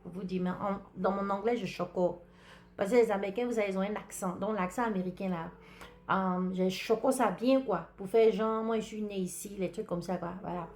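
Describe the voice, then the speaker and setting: A woman's voice: medium pitch, fairly quick. A woman from Africa with an African French accent, hosting a podcast and telling a personal story in a chatty way, talking straight to her listeners. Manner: chatty, talks straight to listeners, lively retelling. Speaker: podcast host. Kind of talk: casual storytelling monologue.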